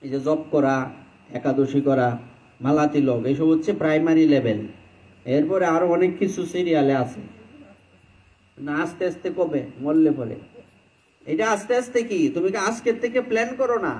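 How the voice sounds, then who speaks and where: High-voiced man giving a devotional sermon. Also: low-quality recording. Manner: conversational, chants mantra lines mid-talk. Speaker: Vaishnava preacher.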